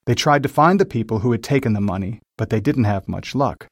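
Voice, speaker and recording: A man narrating a simple story in a slow, clear, scripted reading style. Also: mid-range voice, dry recording, clean studio sound.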